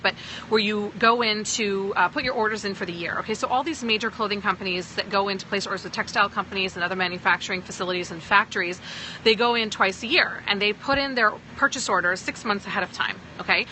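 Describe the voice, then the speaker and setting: Bright and forceful, this mid-range female voice comes through a low-quality recording with slight background noise. She's a sales team leader from Pakistan with an American-sounding accent, answering viewers on a phone livestream, emphatic and often asking "okay?"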